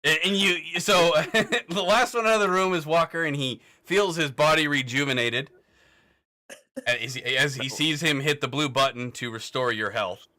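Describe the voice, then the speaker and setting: Bright-voiced man running a game. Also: on the high side, moderate pace. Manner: casual, swearing, laughing narration. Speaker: game master. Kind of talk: narrating a tabletop game.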